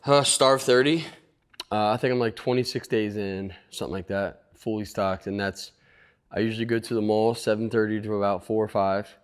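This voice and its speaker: A middle-aged man who runs a toy store, chatting casually and joking, his voice dropping low and quiet when he explains things. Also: steady tone, moderate pace, clean tone. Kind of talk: casual chat.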